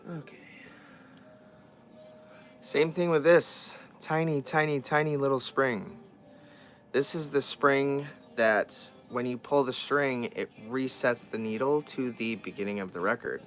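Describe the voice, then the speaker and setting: Working on a doll repair, this vlogger keeps up a casual running chat, thinking out loud and frequently abandoning and restarting his sentences. He speaks at a measured pace in a steady, fairly bright medium-pitched voice.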